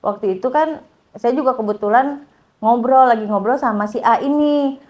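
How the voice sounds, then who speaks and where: A woman with a somewhat high voice tells a personal story as an interview guest. She talks casually and haltingly, full of fillers and restarts, and shifts into a much higher voice when she quotes others. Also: a little mellow.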